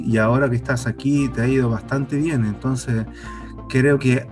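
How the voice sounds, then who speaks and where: A man hosting an interview, speaking haltingly with frequent pauses and restarts. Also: mid-range voice. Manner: halting, many fillers and restarts. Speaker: host. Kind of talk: casual interview.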